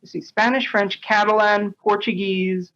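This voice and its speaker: Speaking as a podcast guest, an English-speaking man chats casually and a little hesitantly about his work as a translator, sharing interview anecdotes. His voice sits high and sounds sharp, with fairly even intonation at a moderate pace. The audio is dull and lo-fi.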